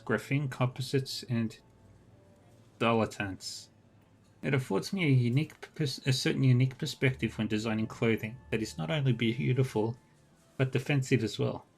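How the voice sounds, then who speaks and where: A man's voice: medium pitch, moderate pace, creaky, soft background music. A man voicing a precise, self-assured designer of fashionable body armor, speaking in a formal way. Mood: poised.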